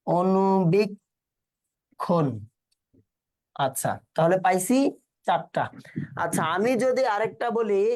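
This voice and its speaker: Male tutor quizzing students. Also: sits high. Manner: quizzes students, repeats answers back, colloquial. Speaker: teacher. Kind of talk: exam-prep class reviewing questions.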